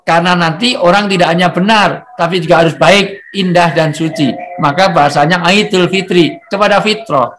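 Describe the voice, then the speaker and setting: A man's voice: high voice, normal speed, hardly any pauses, fairly bright tone, a little hiss or hum. A man giving a humorous religious talk at a gathering over a video call, joking and firing off rhetorical questions. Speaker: speaker at a halal bihalal gathering.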